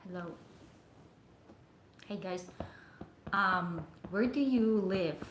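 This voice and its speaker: A woman's voice: fairly low pitch, very slow, slight background noise. A young adult woman chatting casually on a livestream, rambling and hesitant with lots of fillers. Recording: echoey room.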